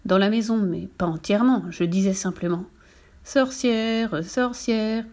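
A woman reading a story aloud in the first person, expressive and lively, putting on voices for the characters. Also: medium pitch, a little fast.

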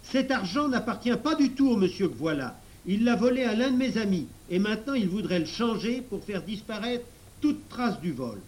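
A man voicing a bold, quick-witted boy who accuses a thief sharply. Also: high voice, very animated, a little mellow, pitched above the performer's own voice. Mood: accusing.

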